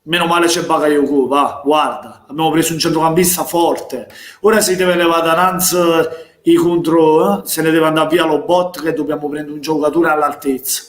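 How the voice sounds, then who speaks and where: A man with a Neapolitan accent, a passionate football fan calling a live match, going hoarse as he shouts encouragement. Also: on the high side, steady tone, moderate pace, echoey room. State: losing his voice. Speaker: fan streamer doing live match commentary. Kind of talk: excited live football watch-along commentary.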